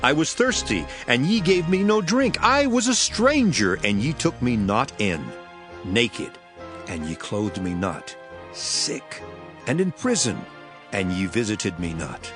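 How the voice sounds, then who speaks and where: An actor playing Jesus as a grave, deliberate teacher and judge in a dramatized scripture reading. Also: male voice, mid-range voice, sing-song. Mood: stern judgment. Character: Jesus, solemn adult male teacher and prophesying judge. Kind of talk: dramatized scripture reading, King James English. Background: prominent music.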